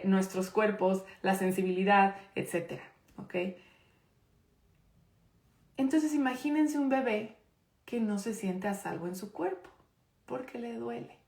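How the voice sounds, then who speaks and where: A woman with a medium-pitched voice teaches a live online parenting class in an echoey room. She speaks conversationally, checks in with her audience often, and stresses her key points.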